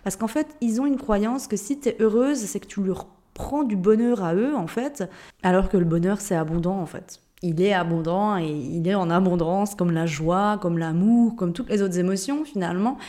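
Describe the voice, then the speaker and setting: A Swiss woman with a Jura French accent hosts a solo mindset podcast, speaking directly to the listener in a chatty, informal manner. Her mid-range voice is mellow and moves at a normal speed; she is a podcast host and mindset coach.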